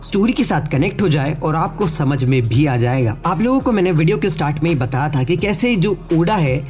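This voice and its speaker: Lively in intonation and a little fast, this man's fairly high, slightly mellow voice plays over soft background music. He has a sore throat and blocked nose while narrating a casual anime-theory explainer, addressing viewers directly and tossing in English words, with the voice-over recorded separately.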